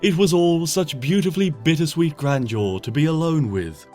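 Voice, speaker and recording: A male fanfiction reader gives expressive audiobook narration over soft background music. His voice is a little high and his pace moderate, and his storytelling is lively and dramatic, with soft, hushed passages.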